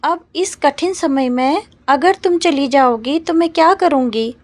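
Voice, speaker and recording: A woman's voice: high voice, measured pace, a little mellow. A woman voicing a worried working daughter who pleads and coaxes in a storybook reading. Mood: anxious. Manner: anxious, coaxing. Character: worried working daughter coaxing her mother.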